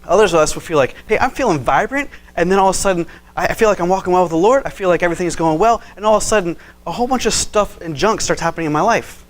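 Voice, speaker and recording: A man's voice: high-pitched, rapid-fire, hardly any pauses. A man preaching a conversational sermon. He tells stories with animation and acts out the people he quotes, with frequent fillers and restarts. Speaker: pastor.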